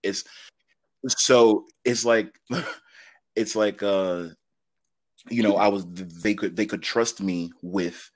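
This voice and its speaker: Brief: thirties male guest, deep voice, chatty and quick, dry close recording. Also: fairly even intonation, no room sound. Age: 30s. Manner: quick, laughing, heavy on filler words. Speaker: podcast guest. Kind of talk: casual interview storytelling.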